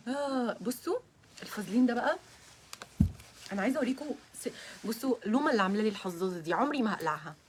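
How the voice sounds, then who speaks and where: A woman's voice: a little high, animated, rapid-fire, pauses often, slight background noise. A young woman with an Egyptian accent hosting a casual live stream, flustered and nervous and often breaking into giggles. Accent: Egyptian Arabic.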